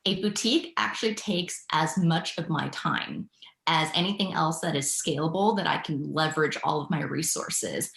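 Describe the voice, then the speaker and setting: A woman's voice: low-pitched, normal speed, vocal fry, a bit bright, echoey room. A woman in her forties from Thailand, answering interview questions about her business in a reflective way with easy laughs. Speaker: guest, business founder.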